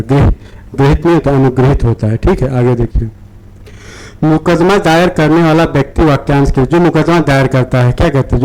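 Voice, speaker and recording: A man's voice: a little high, a little mellow, low-quality recording. A man explaining practice questions to exam students, repeating words and often checking in with "theek hai". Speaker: exam-prep teacher.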